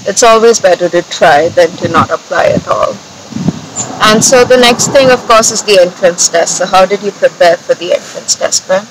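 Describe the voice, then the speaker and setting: A woman's voice: mid-range voice, normal speed. A young woman, an engineering student, hosting a casual interview outdoors and asking questions in a friendly, chatty way. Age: young adult. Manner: friendly, asks questions with frequent "like". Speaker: channel host, engineering student. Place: outdoors in a grassy field. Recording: outdoor noise in the background.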